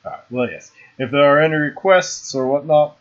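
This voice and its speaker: A man's voice: on the high side, fairly quick. A man chatting casually while live-streaming a card game, hesitant and full of fillers and restarts. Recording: dull lo-fi stream audio.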